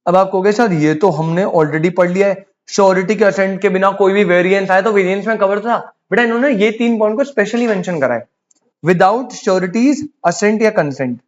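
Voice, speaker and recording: A man's voice: sits high, moderate pace, muffled recording. Chatty Indian man teaching law. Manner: chatty, addresses students as beta, asks rhetorical questions. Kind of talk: casual Hindi-English lecture.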